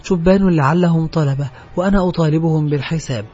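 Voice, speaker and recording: A worn-out young woman who speaks weakly and with deep sorrow, as a male narrator reads her. The voice is husky and mellow, and it comes through a dull, lo-fi recording. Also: quick pace. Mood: sorrowful. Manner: weak, sorrowful speech. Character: tired, beaten young woman, sad and weak. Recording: dull lo-fi audiobook track.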